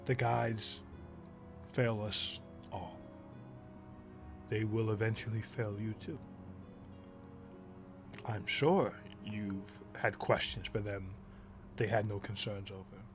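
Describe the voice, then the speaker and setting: A man voicing a stern royal father who speaks in a grave, measured way in a tabletop game. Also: fairly low pitch, flat delivery, music in the background.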